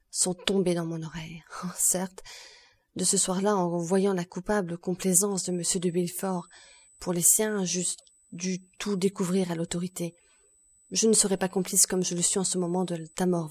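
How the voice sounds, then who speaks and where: A woman voicing a passionate, grief-stricken young man who speaks louder and faster. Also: lowish voice, little pitch movement, slightly rough. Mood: grieving. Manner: impassioned, louder and quicker.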